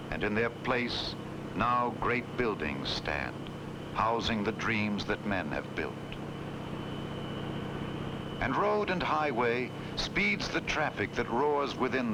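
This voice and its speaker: A man reading scripted, poetic documentary narration in a solemn, grand, oratorical manner with dramatic pauses. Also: medium pitch, expressive, background noise. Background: loud music.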